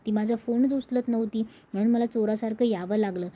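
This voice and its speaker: A woman's voice: fairly high pitch, fairly quick, dark tone, natural voice. A woman voicing an earnest, affectionate young husband apologizing to his wife in a serial recap. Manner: pleading, affectionate.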